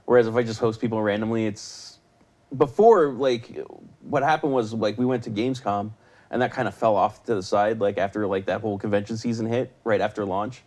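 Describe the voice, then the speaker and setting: A man's voice: fairly low pitch, fairly even intonation, brisk, darkish tone. Rambling man hosting a live stream. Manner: rambling, lots of fillers and restarts. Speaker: live show host. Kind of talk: casual live stream chat.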